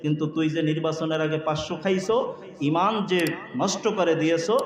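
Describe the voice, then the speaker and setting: High-pitched fiery preacher man, echoey hall. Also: fairly even intonation, moderate pace. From Bangladesh. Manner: impassioned, rising to shouts, sing-song cadence; colloquial, asks the crowd for agreement. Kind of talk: fiery Bengali waz sermon. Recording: echoey hall with long reverb.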